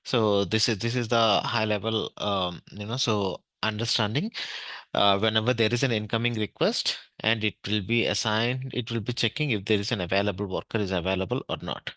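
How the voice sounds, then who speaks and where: A man with an Indian English accent teaching an online technical class, explaining step by step, often checking in with "right?" and pausing on fillers. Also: on the low side, a bit bright, dry recording. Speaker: database administration trainer.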